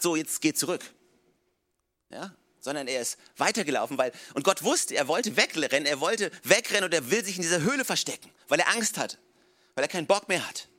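Man, pastor, sermon, high-pitched, animated casual storytelling, English "come on" asides.

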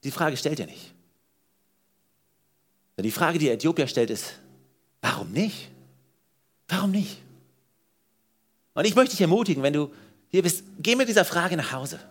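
A man preaches a sermon in church. His voice sits high for a man, and his delivery is lively and emphatic. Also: fairly quick, pauses often. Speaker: pastor. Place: church service.

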